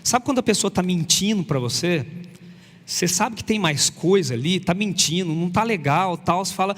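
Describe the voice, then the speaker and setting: Man, pastor, sermon, acts out dialogue with God, higher voice, long church reverb. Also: animated, normal speed.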